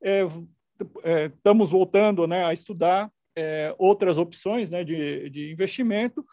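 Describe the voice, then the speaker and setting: A man's voice: high-pitched, unhurried, warm tone, dry recording. A man, a company executive, answering analysts on an earnings call with many fillers and restarts.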